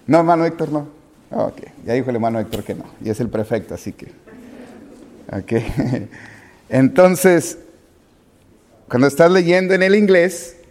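A man's voice: mid-range voice, a little mellow. A man preaching as a pastor, chatty and teasing, stopping to quiz the congregation. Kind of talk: sermon with asides to the congregation. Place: church.

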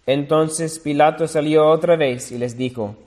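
A man's voice: fairly high pitch, fairly even intonation, a little mellow. Preacher man reading scripture in a hall. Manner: slow, deliberate reading with self-corrections. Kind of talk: sermon reading scripture aloud.

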